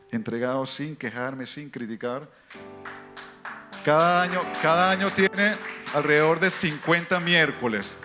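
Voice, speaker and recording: Lively man telling a church testimony. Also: on the high side. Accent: foreign accent in Spanish. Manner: lively storytelling, jumps between quick and drawn-out phrases. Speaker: church member giving testimony.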